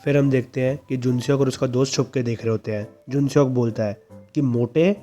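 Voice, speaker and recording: Man narrating a manga recap, dark tone. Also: mid-range voice, fairly even intonation, quick pace, faint music behind. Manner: quoting the characters' lines in lightly acted voices.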